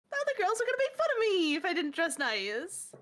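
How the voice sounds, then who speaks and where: High, animated woman guest. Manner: blunt, quick reactions, swears casually. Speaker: guest streamer. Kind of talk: casual chat.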